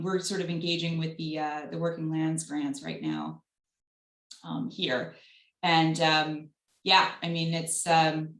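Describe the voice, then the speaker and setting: A woman's voice: lowish voice, a bit bright, reverberant. A woman with a Long Island accent answering questions in an online panel, hesitant with many fillers. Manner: hesitant, many ums and sort-ofs. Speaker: panelist from a lending organization.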